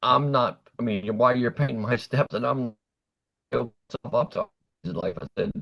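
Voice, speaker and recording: A man on a group call whose audio breaks up and drops out, talking haltingly and trailing off mid-sentence. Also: mid-range voice, gravelly, no echo, muffled recording. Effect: choppy call audio breaking up and dropping out. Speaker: participant on a group video call. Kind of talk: casual group conversation. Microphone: remote call connection.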